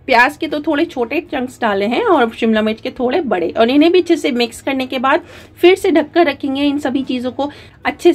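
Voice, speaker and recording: This recipe walkthrough comes from a female channel host whose voice sits a touch high. Her instructions are calm and sequential, dotted with frequent fillers and pauses, and her words tend to run together.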